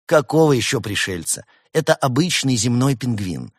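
A man voicing a brave, quick-thinking young male fox in a storybook reading. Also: low-pitched, lively intonation, fairly bright tone, husky, no echo, clean studio sound, exaggerated voice. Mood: alarmed.

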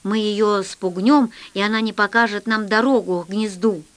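A woman reading the lines of a brisk, commanding adult male starship pilot in a children's audiobook, in short urgent commands. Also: mid-range voice, fairly even intonation, lightly acted.

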